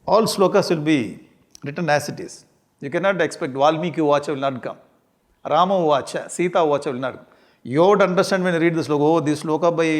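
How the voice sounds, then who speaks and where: A man with a South Indian accent and a fairly high voice gives an informal lecture on scripture. He is animated and lightly humorous, often repeating short phrases for his students.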